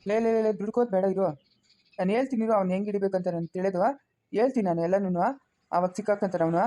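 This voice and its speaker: A woman playing a calm, scheming village elder with a granddaughter who advises restraint, in a Chikkaballapur Kannada accent. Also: medium pitch, racing, natural voice. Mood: calm advising.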